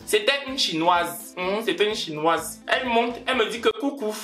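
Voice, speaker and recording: A young man with an Ivorian French accent spins a comic tale, animated and full of local slang. His pitch leaps all over the place as he acts out every beat. The recording sits in an echoey room with faint music behind him. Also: moderate pace. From Ivory Coast. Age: 20s. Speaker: comedian. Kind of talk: comic storytelling monologue. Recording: roomy echo with faint music.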